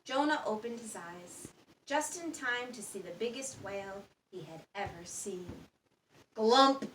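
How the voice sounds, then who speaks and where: A woman's voice: medium pitch, animated, a little slow, a bit bright, roomy sound. A woman reading a children's story aloud expressively, with sound effects and questions to her listeners. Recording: distant microphone with faint background noise.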